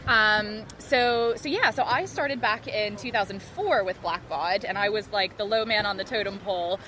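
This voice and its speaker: A woman's voice: mid-range voice, normal speed, bright, forceful tone, a little hiss or hum. A woman with an American accent talking casually as a podcast guest. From United States. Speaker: podcast guest, charity technology professional. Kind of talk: casual interview chat.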